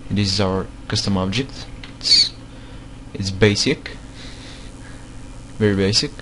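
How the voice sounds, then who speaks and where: Speaking slowly in a slightly low, sharp-toned voice, a non-native English speaker guides viewers through a screen-recorded game-modding tutorial. He hesitates often, filling gaps, restarting, and repeating himself. A faint hum sits beneath his desktop mic in this low-quality recording.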